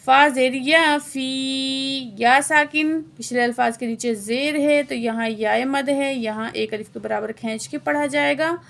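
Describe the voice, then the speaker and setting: A woman with a high, steady voice and some vocal fry gives a word-by-word Quran tajweed lesson. She spells out every letter and vowel mark, chants the words slowly and drawn out, and answers her own quiz questions in quick, quieter asides.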